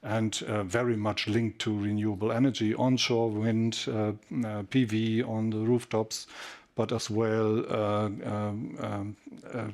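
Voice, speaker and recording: A man with a German accent, a native German speaker, introducing himself on a panel with many hesitant pauses. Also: lowish voice, flat delivery, darkish tone. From northwest Germany. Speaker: government state secretary.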